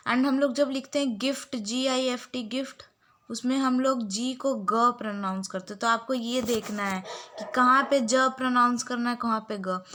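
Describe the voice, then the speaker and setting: A woman's voice: a little high, fairly even intonation, moderate pace, bright, forceful tone, slight background noise. A young woman teacher giving a spelling lesson, dictating words and spelling them out letter by letter. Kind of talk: spelling lesson for exam students.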